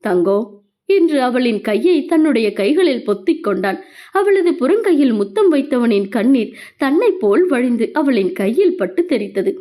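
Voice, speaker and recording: A woman narrating a romance audio novel with expressive, emotional storytelling. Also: high voice, normal speed.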